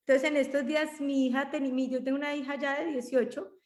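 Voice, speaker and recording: A woman's voice: high-pitched, little pitch movement, fast, darkish tone. A Colombian woman in her forties, a talkative podcast co-host, reflecting in casual conversation with many restarts. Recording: roomy echo.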